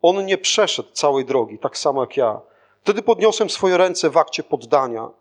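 The speaker, an audiobook narrator, gives a scripted first-person account of his spiritual experience at normal speed. He reads in an earnest, steady manner, his voice a touch higher than most men's.

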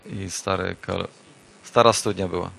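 A man preaching a sermon to a congregation in a church, telling a parable in a repetitive, playful way and rising into shouted refrains. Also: low-pitched, fairly even intonation, unhurried, vocal fry.

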